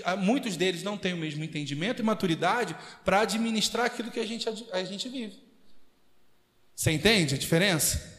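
A man with a Brazilian Portuguese accent preaching a lively sermon to a congregation, acting out the voices of the people he quotes. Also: high voice. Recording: echoey hall with long reverb.

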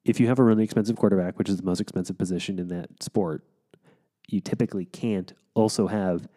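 A man's voice: low voice, fairly even intonation, fast talker, dark tone. A man co-hosting a casual chat, playfully argumentative, explaining things at length with frequent ums and restarts.

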